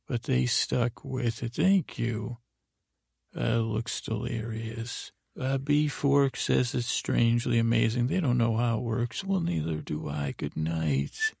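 A man hosting a sleep podcast in the calm, gentle, rambling manner of a bedtime story narrator. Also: mid-range voice, gravelly, husky, no room sound, clean studio sound. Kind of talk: soothing bedtime sleep-story narration, saying good night to listeners.

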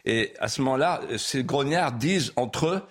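Husky stammering man on a talk show. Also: mid-range voice, lively intonation, normal speed. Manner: hesitant, stammering, repeats words. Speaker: author and guest.

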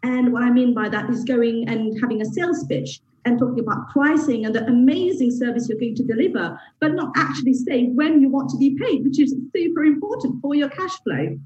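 A woman's voice: sits high, fairly quick, few pauses, a little mellow. A woman accountant on a panel, explaining her points in order over a video call. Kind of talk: panel discussion. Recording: dull roomy video call audio from far.

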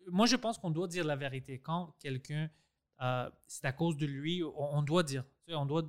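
A podcast host with an English accent chats in French in a slightly high voice. He talks in an animated way, often acting out quoted lines and dropping in English words. It is a relaxed conversation. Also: normal speed. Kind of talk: casual conversation.

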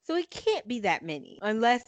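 A woman's voice: on the high side, very animated, normal speed, no echo. A woman co-hosting a casual chat podcast over a call, explaining things at length and thinking aloud. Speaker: podcast co-host.

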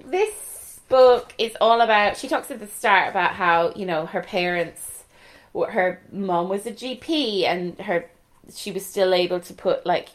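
A woman with a west of Ireland accent from Galway, chatting casually as co-host of a cookbook show. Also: lowish voice. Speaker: podcast co-host reviewing cookbooks. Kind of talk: casual chat.

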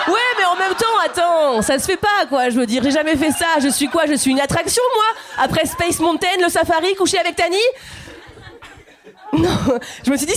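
Chatty woman in her thirties doing stand-up. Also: sits high. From Guadeloupe. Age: 30s. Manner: playful, chatty, addresses audience directly. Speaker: stand-up comedian. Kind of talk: stand-up comedy set. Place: comedy stage.

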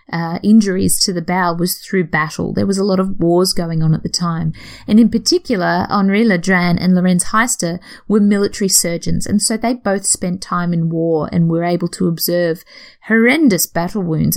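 Woman host, lower voice with some fry, chatty and explanatory, lesson-style delivery. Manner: explanatory, conversational, self-correcting. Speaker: podcast host. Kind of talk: educational talk.

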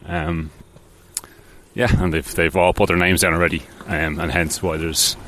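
A podcast host with a very deep, slightly bright voice rambles through a casual solo episode about cars at a moderate pace. His delivery is flat and hesitant, full of ums and restarts, and he sounds offhand and self-deprecating.

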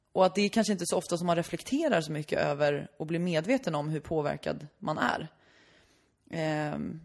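A young woman in casual podcast chat, telling stories and acting out the people in them with sudden loud outbursts. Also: fairly low pitch. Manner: animated storyteller, acts out quotes loudly.

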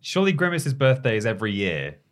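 A man's voice: mid-range voice, big pitch swings, fast. A man co-hosting a podcast, reading a news story aloud with casual asides. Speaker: podcast co-host. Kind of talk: casual chat.

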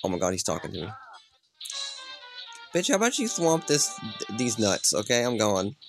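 Low-voiced woman swearing through a game. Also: normal speed, music in the background. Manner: excitable, swears a lot, jokes while playing. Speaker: let's play player. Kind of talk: audio let's play commentary.

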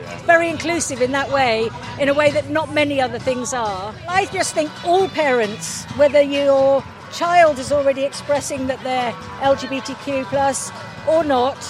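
A woman with a high voice speaks earnestly in an interview. She is outdoors, with music clearly audible behind her. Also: moderate pace. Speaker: event interviewee. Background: music at an outdoor event.

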